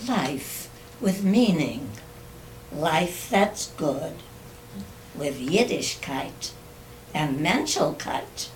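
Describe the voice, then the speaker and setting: An older woman recites her own verse in a slow, measured way, her voice sitting a little low. She is caught from some distance by the mic. A faint hum of the room stays underneath. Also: sing-song. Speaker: guest poet. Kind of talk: reading her own poems aloud. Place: community club room.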